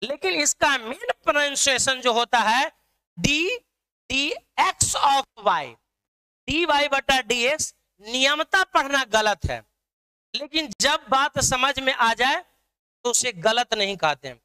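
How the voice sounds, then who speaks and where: Online math teacher, male, very high pitch, clear voice, quizzes viewers over and over. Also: animated, unhurried, sharp tone. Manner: drills students with repeated questions.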